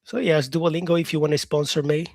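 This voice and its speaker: A man's voice: a little high, fairly even intonation, fast, vocal fry, no room sound, studio quality. A man from Brazil, an English teacher, chatting casually with live viewers and answering their comments. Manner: casual, upbeat, sprinkles in "yeah". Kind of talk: live-stream chat with viewers.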